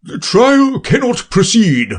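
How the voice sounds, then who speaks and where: A man voicing a pompous, fretful king in a storybook reading, slow and grave. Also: medium pitch, sing-song, pitched above the performer's own voice, full character voice.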